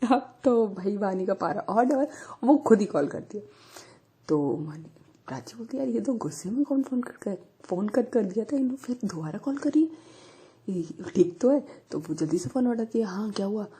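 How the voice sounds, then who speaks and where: A woman's voice: medium pitch, lively intonation, normal speed, mellow. A young woman casually telling a love story, chatty and laughing often as she acts out what the characters say.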